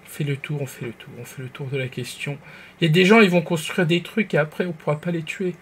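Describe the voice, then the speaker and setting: A man streaming a game live, talking to himself, jumping between hushed nervous murmurs and loud excited outbursts. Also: fairly high pitch, fast, slightly rough. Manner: jittery, talks to himself, whispers when nervous. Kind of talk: live gameplay commentary.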